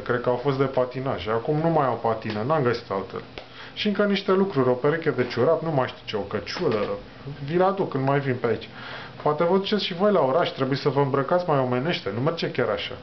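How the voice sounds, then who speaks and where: A man's voice: fairly high pitch, a little hiss or hum, close to an everyday voice. A male reader voicing a sad, weeping old neighbor who carries a gun, in a plain read-aloud way, on a dull lo-fi recording.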